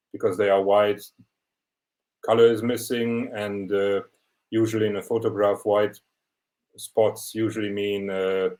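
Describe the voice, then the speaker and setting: Low-voiced man. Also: darkish tone, low-quality recording. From Germany. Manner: measured, explanatory. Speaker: photographer presenting his work. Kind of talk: online portfolio presentation.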